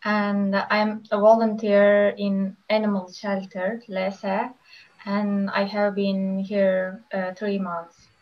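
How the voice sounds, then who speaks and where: A woman's voice: medium pitch, monotone, takes it slowly, highs cut off. A woman in her twenties from Turkey, briefly introducing herself to a group. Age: 20s. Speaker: participant, animal shelter volunteer.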